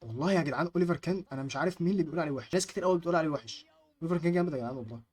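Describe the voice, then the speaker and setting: Young man, Egyptian Arabic accent, excitable gameplay commentary, rapid-fire, highish voice. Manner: excitable, shouts and chants at the game, swears, mutters to calm himself. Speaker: gaming YouTuber.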